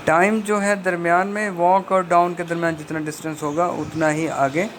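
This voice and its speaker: A man giving a linguistics lecture, explaining a textbook step by step with frequent hesitations and reading English passages very slowly. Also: on the high side, flat delivery, fairly bright tone. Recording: faint background noise.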